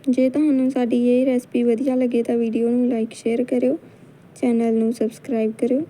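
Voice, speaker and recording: Calm low-toned woman explaining a recipe. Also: brisk, low-quality recording. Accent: Punjabi. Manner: calm step-by-step instruction. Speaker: cooking channel host. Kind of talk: cooking tutorial narration.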